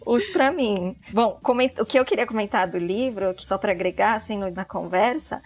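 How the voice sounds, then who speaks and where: A woman in her thirties, a book club member, chats casually about a book as a guest on a podcast. She speaks at normal speed in a mid-range voice with lively intonation, laughs often and uses plenty of fillers.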